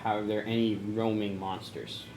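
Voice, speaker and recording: A man's voice: lowish voice, level tone, a little mellow, soft background music, low-quality recording. Joking man playing a tabletop game. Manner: joking, thinking aloud, halting questions. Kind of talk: casual role-play chat.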